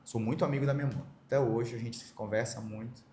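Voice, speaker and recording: A man's voice: medium pitch, steady tone, fast talker, dark tone, echoey room, slight background noise. A middle-aged man from Brazil, sharing a personal story as a podcast guest, speaking with emotion and acting out the dialogue he recounts.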